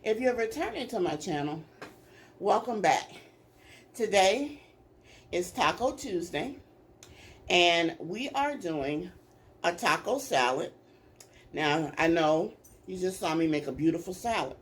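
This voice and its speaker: A woman's voice: fairly low pitch, animated, unhurried, pauses often. A woman hosting her own eating video, chatting casually and directly to her viewers. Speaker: mukbang vlogger. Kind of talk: casual chat to camera.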